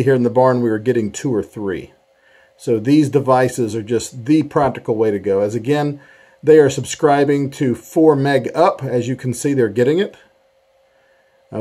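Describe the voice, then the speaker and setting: A man's voice: mid-range voice, warm tone, breathy edge, rough recording. Man walking through a casual tech how-to. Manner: plain explanatory, with frequent "uh" pauses. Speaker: tech installer demonstrating a setup. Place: outdoors on a rural property and inside a barn office. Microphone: handheld phone camera, filming while walking.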